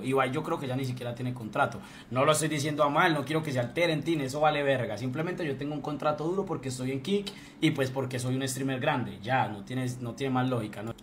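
A man's voice: medium pitch, sharp tone. A young man, ranting on a livestream in a heated, blunt way, swearing and repeating himself. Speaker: streamer. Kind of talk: livestream rant.

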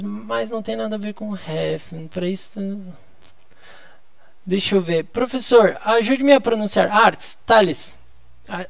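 A man's voice: sits high, creaky, no echo. A man from Brazil teaching a live online lesson, explaining patiently and drawing out key words. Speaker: German teacher.

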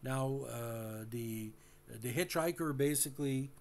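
A man talks through a classic TV episode, stopping often on "uh" and restarting his sentences. His voice sits at an ordinary middle pitch, and he speaks casually, now and then addressing the audience. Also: a little hiss or hum. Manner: halting, many uh fillers and restarts; addresses listeners directly. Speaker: host. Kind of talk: casual recap and commentary.

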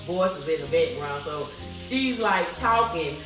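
A middle-aged woman hosts a family vlog from her home kitchen, chatting in a folksy, colloquial way. Her voice sits low and is fairly bright, animated yet unhurried. A tripod camera far away picks her up with roomy echo and background music.

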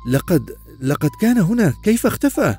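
A man voicing a hot-tempered, fearless male knight who speaks in loud, angry bursts. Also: medium pitch, sing-song, fast talker, faint music behind. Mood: shocked. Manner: angry, shouting in defiance.

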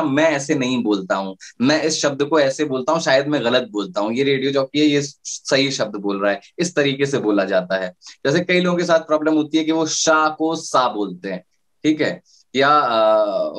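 Slightly high-voiced male radio jockey. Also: fairly bright tone. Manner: explanatory, with frequent fillers and restarts. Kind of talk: casual interview answers.

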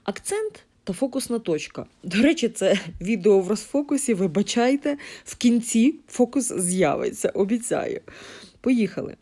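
A woman from Ukraine explaining design and art principles in a lesson, talking with fillers and quick self-corrections. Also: on the high side, sing-song, dark tone. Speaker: art teacher.

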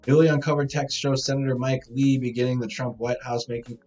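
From a hotel room, a man runs through the news casually on a live stream, stumbling as he reads headlines. His medium-pitched, darkish voice is flat and brisk, and the laptop mic makes it tinny and tin-can-like, with soft music behind him.

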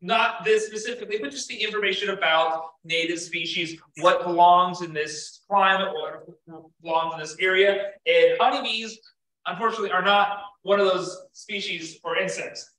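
A man's voice: high-pitched, normal speed, pushed and bright. A young man giving a casual beekeeping talk to a group, chatting loosely with many fillers and restarts. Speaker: beekeeping presenter. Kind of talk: casual slide-show talk. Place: meeting room, indoors. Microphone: far camera. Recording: echoey room from far off.

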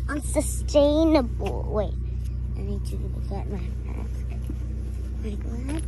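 A young woman filming a casual hiking vlog on her phone, chatting and exclaiming at the sights along the trail. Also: fairly high pitch. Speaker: vlogger. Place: outdoor hillside trail. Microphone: handheld phone. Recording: outdoor phone audio with background noise. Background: outdoor ambience.

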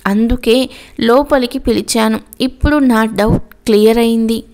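A woman's voice: a little high, fairly even intonation, measured pace, darkish tone. A woman reading an earnest regretful young man. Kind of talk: storybook reading.

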